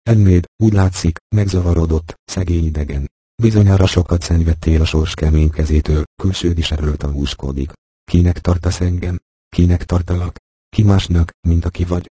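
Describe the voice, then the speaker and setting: A man acts out a sly younger brother in a storybook reading, his voice soft and mournful as he fakes pity. The voice sits very deep and dark with a husky grain. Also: fairly even intonation, no room sound. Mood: gentle. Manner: soft, mournful, falsely gentle. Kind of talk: audiobook character voice.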